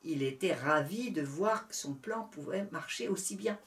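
A woman reading a children's animal fable aloud, animated and expressive. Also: lowish voice, normal speed, distant mic. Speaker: storyteller. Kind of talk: storybook reading.

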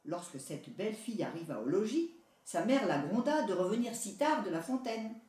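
A woman reading a fairy tale aloud in steady storytelling narration. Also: medium pitch, moderate pace. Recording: echoey room, voice far from mic.

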